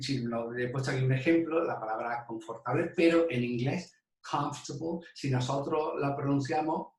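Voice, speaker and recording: Man lecturing in an echoey room. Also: medium pitch. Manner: explanatory, with many restarts and repeated "de". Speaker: university lecturer in English phonetics. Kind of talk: recorded teacher-training talk. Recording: echoey room, mic at a distance.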